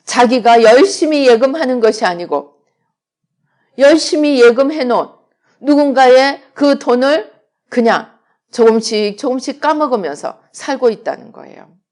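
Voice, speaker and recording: A middle-aged woman pastor preaching a sermon, swinging between loud emphatic lines and quiet asides. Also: sits high, lively intonation, unhurried. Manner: acts out prayers and God's replies in quoted voices.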